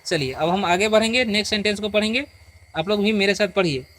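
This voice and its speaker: In a beginner reading lesson, a patient teacher says English words slowly, one by one, so the listener can repeat them, checking often that they're keeping up. The voice is medium in pitch with a fairly bright tone, and there's slight background noise.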